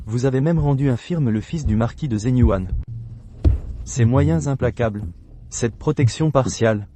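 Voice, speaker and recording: A bold young imperial cook played by a man speaks in a cocky, teasing way at a medium pitch. It is dramatized dubbing, set over a clearly noisy sound bed. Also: moderate pace, natural voice. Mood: scheming. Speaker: voice actor in a dubbed drama. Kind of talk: dramatized dubbing with inner monologue.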